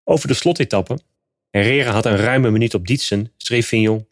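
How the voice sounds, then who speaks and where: A man narrating a scripted nonfiction account in a steady, measured reading voice. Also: lowish voice, no room sound, studio quality.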